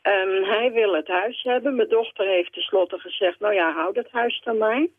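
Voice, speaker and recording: A woman's voice: mid-range voice, moderate pace, no echo. An older woman calling in to a radio show, talking hesitantly with many fillers. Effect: radio show caller on a phone line. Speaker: caller. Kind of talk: call-in radio question. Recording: tinny phone line.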